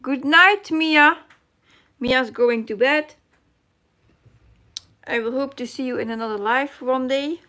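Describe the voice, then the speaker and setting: Hosting a cross-stitch live chat, a middle-aged woman with a Dutch accent reads viewer comments aloud and sometimes hunts for the right English word. Her voice sits high, bright and forceful, moving slowly with long pauses.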